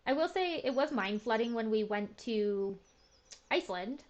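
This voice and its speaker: Playing a farming game on her gaming channel, this young woman from Canada rambles along in a self-deprecating, filler-packed chat. She speaks at a moderate pace in a somewhat high, animated voice. Faint game music plays under a slightly muffled recording.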